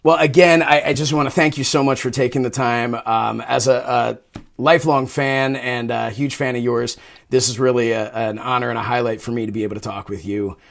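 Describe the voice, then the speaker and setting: A man's voice: medium pitch, fairly even intonation, brisk, gravelly. A man hosting a show and interviewing a guest, earnest and hesitant, with fillers as he asks questions. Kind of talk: interview and scripted show outro.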